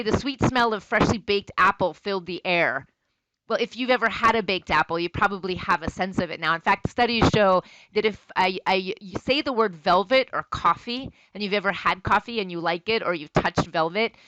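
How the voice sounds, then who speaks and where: A woman's voice: medium pitch, a bit bright, dry recording, low-quality recording. A woman college instructor giving a recorded lecture in a conversational, explanatory way.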